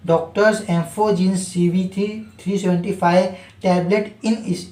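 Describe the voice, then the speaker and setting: A man's voice: high-pitched, steady tone, warm tone, roomy sound, low-quality recording. A man teaching pharmacy in a casual spoken lesson, often stumbling over words and correcting himself. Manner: halting, frequent self-corrections and filler checks.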